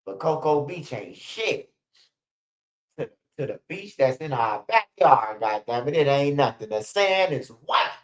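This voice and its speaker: A man in his 40s hosts a street news livestream, telling street stories bluntly and casually with profanity and frequent "bro" and "man." His medium-pitched voice is very animated, at a measured pace.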